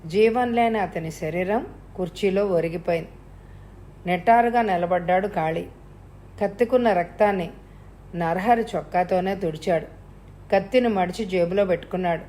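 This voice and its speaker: A woman narrating a scripted suspense thriller in a steady, even storytelling voice. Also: lowish voice, normal speed, pauses often.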